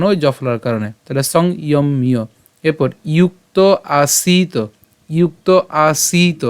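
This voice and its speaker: A man teaching the pronunciation of a Sanskrit verse, chanting it slowly syllable by syllable and then explaining each part in plain talk, asking and answering his own questions. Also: mid-range voice. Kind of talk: online pronunciation lesson.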